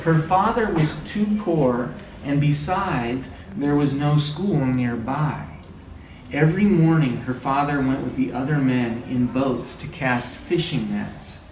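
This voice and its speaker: Speaking slowly in a mid-range, darkish voice, a man conducts an interactive read-aloud lesson, encouraging the group and repeating what they say in a conversational manner. The setting is an indoor group training session. The recording is distant and roomy, with noticeable room noise.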